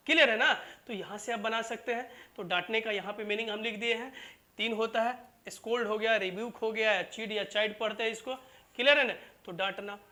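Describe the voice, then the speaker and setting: Bright-voiced teacher. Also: medium pitch, fairly quick. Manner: repetitive, keeps asking "clear?" and calls students "babu" and "bhai". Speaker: English teacher. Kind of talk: classroom grammar lesson in Hindi.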